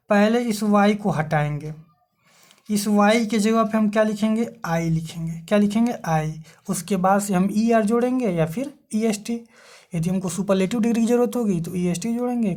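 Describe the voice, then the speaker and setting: A woman's voice: medium pitch, a little mellow. Lady teacher doing an exam-prep grammar class online, asks herself questions then answers, spells words out letter by letter.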